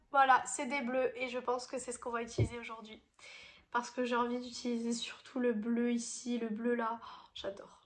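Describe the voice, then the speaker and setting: A woman's voice: high-pitched, fairly bright tone, slight background noise. A woman vlogger who is ill, chatting casually through a makeup review with many hesitant fillers. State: ill, voice not as usual. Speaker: beauty vlogger.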